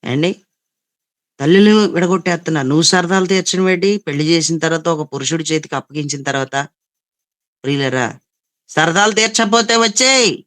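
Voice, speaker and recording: A man's voice: a little high, steady tone, a little fast. A man with a Telugu accent preaching a sermon as a pastor, repeating phrases and scolding his listeners. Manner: repetitive, scolding preaching with quoted voices.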